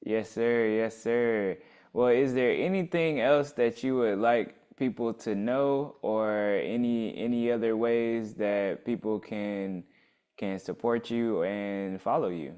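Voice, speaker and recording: A man's voice: lowish voice, slow, a little mellow, clear, resonant tone. Chill guy hosting an interview, hypes things up, lots of yes sir and right right. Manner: enthusiastic, laid-back, affirming. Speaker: interview host. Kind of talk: casual interview.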